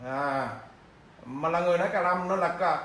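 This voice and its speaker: A man's voice: on the high side, normal speed, a bit bright. A man, a business trainer, giving a livestreamed lecture; he stammers at times and keeps checking in with viewers through questions.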